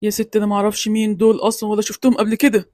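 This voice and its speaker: A woman's voice: medium pitch, monotone, rapid-fire, warm tone, no room sound, studio quality, natural voice. A woman voicing an Egyptian-accented middle-aged man who brusquely denies knowing his daughters, with music behind. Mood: annoyed. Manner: brusque, dismissive.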